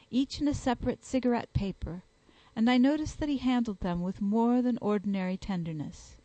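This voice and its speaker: A woman narrates a detective story in an even, steady voice at a middle pitch. The recording is dry and close. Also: no echo, rough recording. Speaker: audiobook reader. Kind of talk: audiobook narration.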